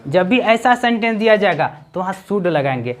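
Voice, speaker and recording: A woman teaching English grammar in Hindi. She keeps asking rhetorical questions, repeats the key words and reads the English sentences slowly. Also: medium pitch, lively intonation, slight background noise. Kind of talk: explanatory classroom lesson.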